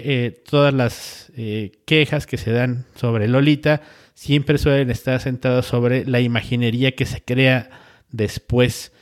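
A man hosting a podcast, talking casually and rambling with frequent pauses. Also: mid-range voice. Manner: rambling, with many filler sounds and restarts. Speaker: podcast host.

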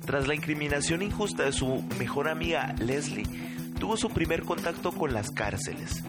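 A man giving a measured, scripted narration introduction. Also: on the high side, lively intonation. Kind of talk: scripted narration over music. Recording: loud guitar music behind the voice.

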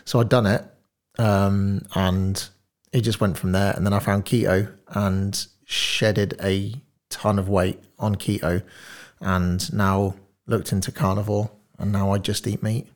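A man in his late thirties speaks as a podcast guest in a low, easygoing voice. He tells his story casually, laughing often and swearing without fuss. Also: flat delivery, measured pace. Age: 30s. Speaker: podcast guest, diet coach.

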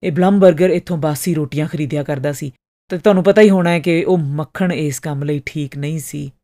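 A woman voicing a polite young man who explains things haltingly, in an audiobook reading. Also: deep voice, dark tone. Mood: apologetic.

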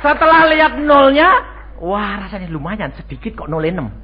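A man's voice: sits high, normal speed, crowd noise. A male pastor, preaching a sermon and acting out voices as he tells stories. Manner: animated storytelling, acting out dialogue voices. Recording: dull lo-fi radio stream with faint noise.

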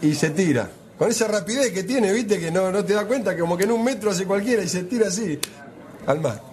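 A man telling comic anecdotes in an animated way, full of tag questions. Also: high-pitched, brisk, crowd noise.

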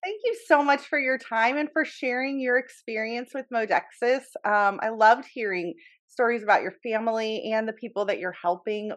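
A woman's voice: a little high, normal speed, few pauses. A woman hosting a casual interview, upbeat and affirming, chatting in a friendly way with her guest. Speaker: host.

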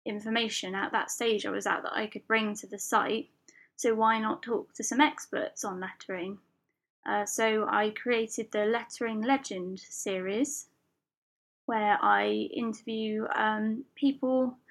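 A woman's voice: mid-range voice, fairly bright tone. A woman hosting her own podcast, talking in a chatty, personal way with small fillers and the odd laugh. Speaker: podcast host. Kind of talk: solo podcast monologue.

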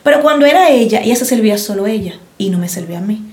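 A woman's voice: medium pitch, expressive, rapid-fire, darkish tone. A middle-aged woman chatting on a podcast, telling stories and acting out quoted dialogue. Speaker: podcast co-host. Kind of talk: casual chat. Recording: roomy echo.

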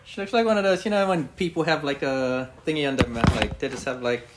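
A man's voice: mid-range voice, fast. A young man hosting a casual podcast chat with his clients, rambling with lots of filler words. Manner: rambling, lots of "like" and "you know". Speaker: podcast host and personal trainer. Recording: loud background noise.

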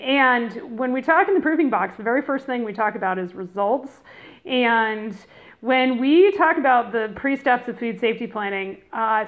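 A woman hosting a casual educational podcast in a chatty, informal way, addressing listeners directly, recorded through headphones used as a mic. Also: a little high. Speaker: podcast host. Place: room in a rental house. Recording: thin phone-like sound from headphone mic.

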